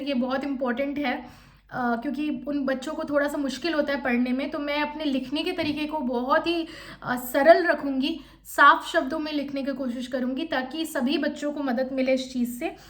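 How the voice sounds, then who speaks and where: A young woman with a high, bright-toned voice talks quickly through interview coaching. She explains each point step by step and then models the sample answers herself. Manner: fast-talking, admits speaking quickly. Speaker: teacher coaching interview candidates. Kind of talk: exam-prep lesson with modelled interview answers.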